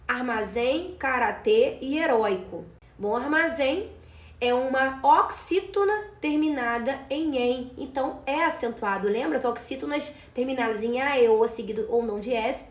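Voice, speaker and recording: A woman's voice: high-pitched, roomy sound. A woman teacher with a Brazilian Portuguese accent explaining grammar questions for an exam, often checking in with "né?" and "tá?". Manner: explanatory, repeats "né" and "tá" to check understanding. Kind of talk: exam-prep grammar lesson.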